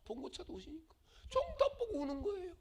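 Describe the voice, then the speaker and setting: A man preaching a sermon as pastor, dramatic, acting out the voices of the people in his stories, swinging from shouts to murmurs. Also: extremely high pitch, big pitch swings, brisk.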